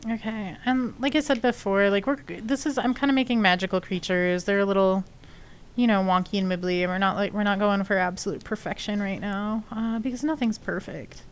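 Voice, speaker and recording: A woman with a medium-pitched, clean-toned voice and fairly even intonation chats a little fast on a live stream, rambling with plenty of fillers as she explains her sculpting. She is sniffly from allergies and lives in Texas, though she isn't from there, and she is in her home studio.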